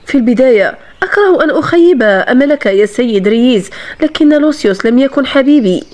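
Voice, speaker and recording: A woman's voice: sits high, animated, fast, a little mellow. A woman reading the part of a proud, bitter young woman in a novel, speaking in a haughty, defiant way.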